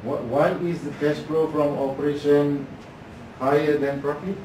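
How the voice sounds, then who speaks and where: A man's voice: a little high, little pitch movement, normal speed, a little mellow. A man with a Malaysian accent asking questions in an informal meeting, in Manglish-style English mixed with Malay. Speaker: questioner at a mock company meeting. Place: indoor room, far from the mic. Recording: echoey room, distant mic, faint noise.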